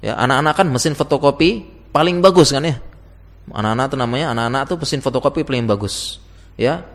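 A man's voice: medium pitch, fast talker. Guy teaching a room of teachers, chatty, keeps asking questions, lots of reverb. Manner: chatty, asks the audience questions, laughs often. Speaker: teacher giving a talk to Islamic school teachers. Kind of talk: casual lecture. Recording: long hall reverb.

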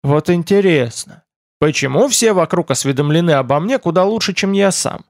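Audiobook: man reading a prickly, hungry young man, slightly high, grumbling sarcasm. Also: a little fast, creaky, darkish tone, no room sound, clean studio sound. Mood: sullen. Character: cheeky, hungry young man, prickly about his past.

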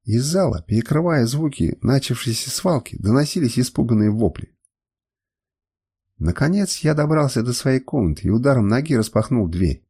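Husky, expressive male audiobook narrator. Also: medium pitch, normal speed. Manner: emotional first-person storytelling.

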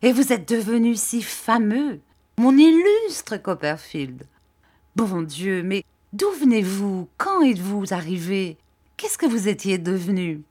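A woman voicing an excitable, warm-hearted young male lawyer who gushes in breathless, drawn-out exclamations. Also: medium pitch. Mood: eager.

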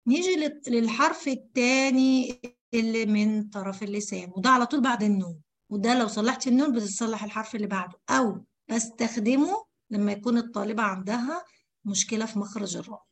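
A woman with a fairly high pitch and quick pace teaches Quran recitation in an Egyptian Arabic accent. In this tajweed lesson on letter articulation, she addresses her female students directly and repeats syllables to demonstrate how each sound is produced.

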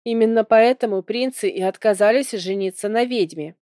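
A woman's voice: a little high, normal speed, dark tone, no room sound, studio quality, lightly acted. A woman reading aloud, voicing an eager, cheerful young man companion in an audiobook. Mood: earnest.

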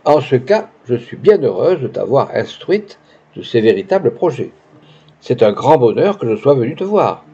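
A man's voice: mid-range voice, big pitch swings, normal speed, dark tone, slightly rough, muffled recording. A man reading as a pretentious young actress. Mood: scornful. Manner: pompous, gushing.

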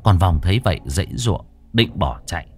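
A man's voice: deep voice, very animated, fairly quick, a little mellow, slight background noise. A man telling a ghost story in a dramatic, suspenseful way.

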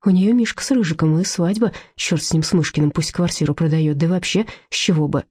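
A woman narrating an audiobook in lively storytelling fashion. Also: on the low side, fast, husky, dry recording, clean studio sound. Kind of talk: scripted narration.

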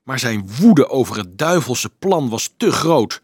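Male audiobook narrator, measured storytelling, lively pitch, dry close sound. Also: husky, no echo. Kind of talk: scripted narration.

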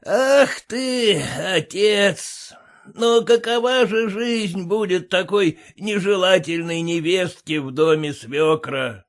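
An actor playing a proud, bitter old army captain, gruff, indignant and scornful. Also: male voice, sits high, takes it slowly. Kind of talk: audiobook character reading.

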